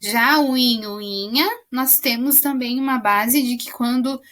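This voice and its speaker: A woman's voice: fairly high pitch, a bit bright. A woman teacher, giving a patient spelling lesson to children and often checking that they follow. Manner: patient, explaining, checks understanding with tag questions; slows down to spell out words.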